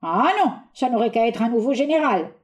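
A woman's voice: a little high, expressive, a little fast, voice pushed up, close to an everyday voice. A woman reading a stage play aloud, voicing a timid, frightened man who pleads in a panicky way. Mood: pleading.

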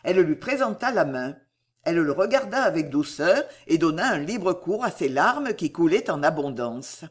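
Highly animated male audiobook narrator. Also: normal speed. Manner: expressive, dramatic reading.

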